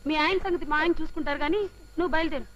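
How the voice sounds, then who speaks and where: An actress playing a married neighbor in a film comedy, speaking in a reassuring way. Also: female voice, high-pitched, very fast, fairly bright tone, lo-fi sound, a little hiss or hum. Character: kindly married woman next door.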